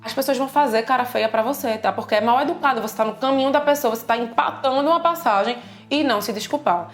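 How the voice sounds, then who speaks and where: A Brazilian woman with a Brazilian Portuguese accent, explaining customs in a casual video lesson with lively examples. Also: on the high side, fast talker. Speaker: language teacher and co-host. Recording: echoey room with faint music.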